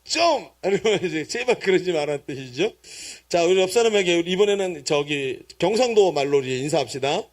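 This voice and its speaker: A man's voice: fairly high pitch, animated, brisk. A middle-aged man preaching a sermon as pastor in a church, playful and teasing the congregation with jokes. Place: church sanctuary.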